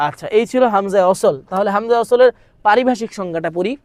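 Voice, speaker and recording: A madrasa exam tutor speaks fast in a high-pitched, slightly mellow voice with no echo, leading an exam-prep grammar lesson. He keeps asking rhetorical questions while reading lines aloud, translating them and going over them again.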